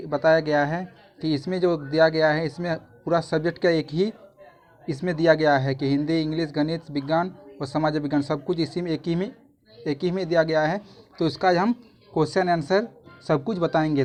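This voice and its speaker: A man's voice: a little high, a little mellow. A man, a YouTube tutor walking through exam answers in a casual, repetitive way that often restarts phrases.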